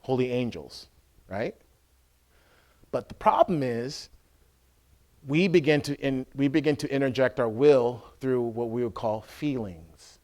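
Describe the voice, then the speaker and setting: Male priest, mid pitch, conversational teaching talk, keeps asking if you follow, bursts into acted-out shouting. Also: unhurried, pauses often. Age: adult with a school-age son. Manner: checks in with listeners, acts out scenes loudly. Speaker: Orthodox priest giving a talk.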